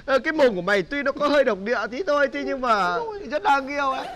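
A very high, bright voice: a rowdy young guy who pleads and scolds melodramatically in quick bursts, as an actor plays him. He has a Northern Vietnamese accent. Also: a faint crowd. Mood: pleading. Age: young adult. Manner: fast, exaggerated pleading and scolding. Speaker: actor in comedy sketch.

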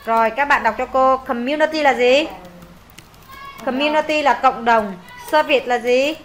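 A woman's voice: sits high, unhurried, a little hiss or hum. A Vietnamese woman teaching an English lesson in a classroom, reading lines aloud, translating them and drilling vocabulary with repetition.

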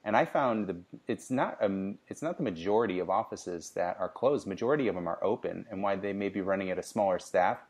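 Deep-voiced man coaching sales reps. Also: animated, fairly quick, few pauses, a little mellow. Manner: upbeat coaching tone with frequent restarts. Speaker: podcast co-host. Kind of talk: casual sales podcast chat.

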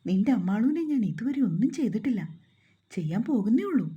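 Brief: sneering storybook bully , read by a woman, dark husky tone. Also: a little high, big pitch swings, fairly quick, muffled recording. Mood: menacing. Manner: sneering, menacing. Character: cruel young man, mocking bully.

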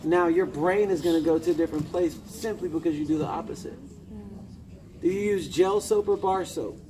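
A personal development coach in his thirties gives a small group informal motivational coaching from his seat in an indoor lounge, emphatic and directive with short commands and questions. His voice is on the high side and a little fast. Crowd noise is present, and the room is noisy with an ambient hum.

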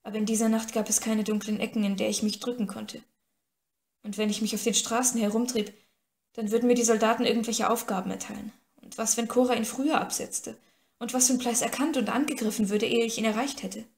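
A woman narrating an audiobook in first person in a calm, even storytelling voice. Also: on the high side, fairly quick. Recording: echoey room.

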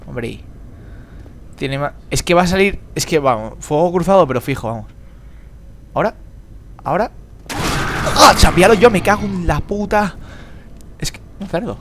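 A man's voice: medium pitch, a bit bright, a little hiss or hum. A man giving frantic horror game commentary, swearing a lot and repeating words in panic. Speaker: gamer.

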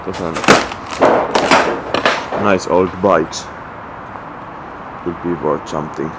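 A deep-voiced man with a Finnish accent picks his way through an abandoned house, speaking English slowly and haltingly. His words come in stops and restarts as he thinks aloud. The handheld recording carries steady background noise. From Finland. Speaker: urban explorer. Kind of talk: casual exploration vlog. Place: abandoned house and garage, indoors. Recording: noisy handheld field recording.

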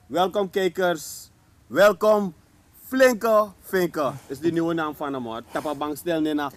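A man's voice: on the high side, unhurried, no room sound. Een Surinaamse man met een Surinaams-Nederlands accent presenteert een luchtige bankgesprek-talkshow en stelt plagerig vragen. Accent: Surinamese Dutch. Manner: teasing, playful questioning. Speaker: talk show host. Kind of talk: casual couch interview.

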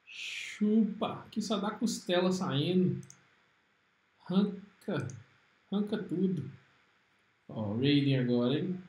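A man with a Brazilian Portuguese accent giving excitable, trash-talking commentary while streaming a fighting game. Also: a little high, slow, long pauses, reverberant. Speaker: gaming streamer. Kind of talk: live gameplay commentary.

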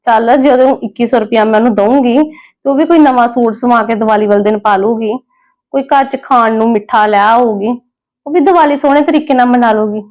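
A woman plays a kindly middle-aged lady of the house in a family drama skit. She soothes and gently lectures in a slightly high, even voice. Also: brisk, lightly acted. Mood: musing. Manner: soothing, gently scolding, preachy.

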